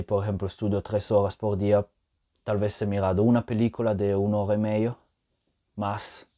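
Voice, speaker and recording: This casual solo podcast features a man explaining his point patiently in learned Spanish, checking in with the listener often. His voice is lowish and warm, and the recording sounds muffled.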